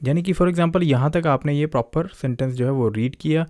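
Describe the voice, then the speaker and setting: A man's voice: a little high, brisk, a little mellow, no room sound, studio quality. A man, teaching an online exam-prep lesson, addressing viewers as guys and repeating each point. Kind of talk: online lesson, reading aloud and explaining.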